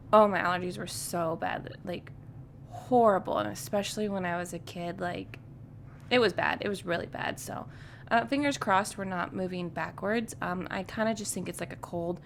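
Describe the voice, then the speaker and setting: A woman's voice: lowish voice, a little hiss or hum. A young woman hosting her own podcast, stuffed up from a cold and chatting casually with lots of likes and ums. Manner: rambling, filler-heavy with frequent likes and ums. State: congested, stuffed up. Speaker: podcast host. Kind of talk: casual solo podcast chat.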